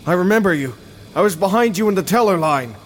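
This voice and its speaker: A man's voice: high voice, lively intonation, fast. A man playing a confused, pleading ghost of a bombing victim in an audio drama. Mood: recalling.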